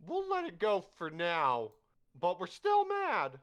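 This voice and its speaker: Man doing grumbling cat-folk barflies, very high and squeaky, slow and stammering. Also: huge pitch swings, fairly bright tone, dull audio, heavily acted. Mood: grudging. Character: nervous furry cat-folk tavern patrons, grumbling.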